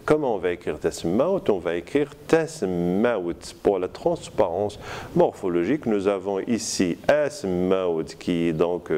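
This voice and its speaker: A man giving a university lecture, slow and deliberate, with many hesitations. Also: low voice, lively intonation, warm tone.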